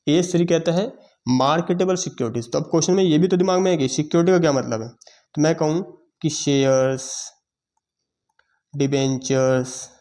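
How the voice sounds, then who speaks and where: A man teaching accounting in a lecture, explaining step by step and checking in with his students. He has a sore throat and often clears it. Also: fairly high pitch, normal speed, darkish tone. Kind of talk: classroom lecture.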